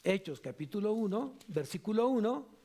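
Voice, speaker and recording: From the sanctuary, a pastor with a Mexican Spanish accent delivers his sermon at normal speed in a high voice with big pitch swings. He drives key phrases home through repetition, shifting between loud and quiet, always emphatic.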